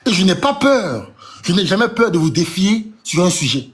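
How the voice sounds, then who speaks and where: A man with a high voice that rises and falls sharply argues as the challenger in a live debate. He insists, stammers and repeats words to hold the floor. A faint hiss sits under his voice. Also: big pitch swings, normal speed. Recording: faint background noise.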